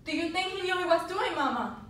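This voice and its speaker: A woman acting a stage monologue as a grieving young woman who confronts her mother, speaking slowly and quietly. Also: very high-pitched, lively intonation, a little hiss or hum. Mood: grieving, haunted. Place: acting class room. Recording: roomy distant room mic.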